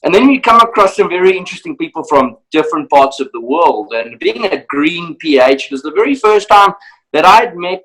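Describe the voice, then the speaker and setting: A man, a professional hunter, telling a lively story in a casual, animated way and acting out voices. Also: a little high, fairly quick, low-quality recording. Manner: animated, laughing, acts out voices.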